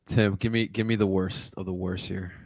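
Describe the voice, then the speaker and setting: A man co-hosting a soccer podcast in casual chat, animated and laughing a lot. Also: moderate pace, no echo. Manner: animated, laughs a lot, jumps to high exclamations. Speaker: podcast co-host.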